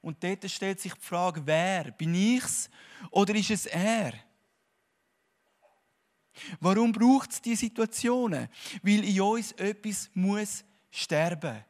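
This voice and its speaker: A man preaches in a fairly high voice. He swings from hushed, thoughtful stretches to loud, emphatic bursts. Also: slow, long pauses. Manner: animated, swinging between quiet musing and loud emphasis. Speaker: conference speaker. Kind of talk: sermon-like talk.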